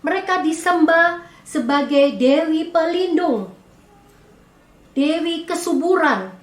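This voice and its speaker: A woman church elder from Indonesia preaching a sermon to a women's fellowship, telling the story slowly and rising in emphasis on key words. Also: very high-pitched, expressive, echoey room.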